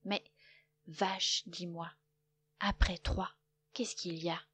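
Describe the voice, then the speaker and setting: A woman voicing a grumpy young male wolf who gets vexed and shouts, in a children's storybook reading. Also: mid-range voice, animated, unhurried. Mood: pleading. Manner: huffy, easily vexed, shouting when mocked.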